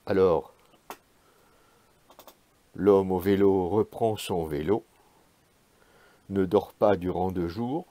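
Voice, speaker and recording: Deep, slow-reading male author. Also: no room sound. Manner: slow, measured, hushed, spare phrasing. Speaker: author reading his own work. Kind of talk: literary reading.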